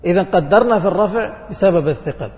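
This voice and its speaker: A man's voice: high-pitched, lively intonation, fast talker, darkish tone, lo-fi sound. Grammar teacher, man, echoing hall. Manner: asks questions then answers them, checks understanding. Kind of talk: classroom lesson.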